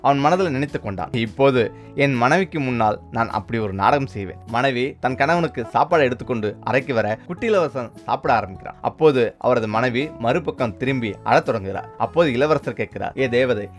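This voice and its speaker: A man narrating a folk story and voicing all its characters in his own steady voice. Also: mid-range voice, a little fast. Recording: faint music underneath.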